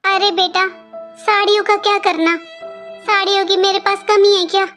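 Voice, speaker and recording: A woman's voice: very high-pitched, flat delivery, normal speed, a bit bright, faint music behind. A woman voicing a mother in a cartoon who defends her daughter, with a wounded, defensive manner. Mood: hurt. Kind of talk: cartoon voice acting.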